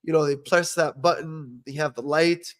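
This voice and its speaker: On a casual educational podcast, a young man who studied dentistry speaks in a steady voice on the high side, at a moderate pace. His advice is blunt and opinionated, and he keeps checking in with "okay?"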